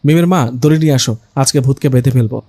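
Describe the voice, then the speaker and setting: A man's voice: mid-range voice, fast, warm tone, dry recording, natural voice. A man voicing a blustering middle-aged father in a storybook reading. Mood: angry.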